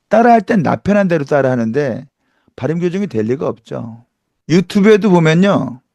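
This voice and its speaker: Middle-aged guy teaching pronunciation, gravelly voice, super lively, dry close mic. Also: on the high side, dry recording. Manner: emphatic, rhetorical questions, demonstrates sounds. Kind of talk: lively online lecture.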